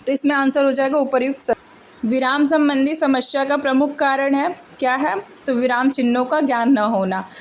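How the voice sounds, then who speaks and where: A woman's voice: sits high, a little hiss or hum. A woman teacher going through multiple-choice exam answers, asking each question aloud and answering it herself, with frequent checks of "okay". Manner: repeats answers and adds "ठीक है" checks.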